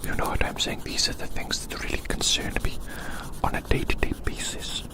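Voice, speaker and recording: An ASMR performer whispers breathily and without voice, softly musing to the listener in a roleplay set outdoors. The delivery is hushed, slowly and gently repeating phrases.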